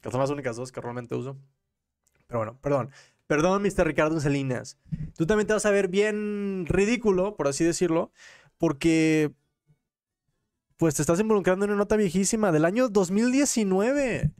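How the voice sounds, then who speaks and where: Sitting high in pitch and a little mellow, this young Mexican host's voice moves at a normal speed through casual, slangy stream commentary. He wanders and corrects himself as he goes, close to a boom-arm desk mic in a small room at home.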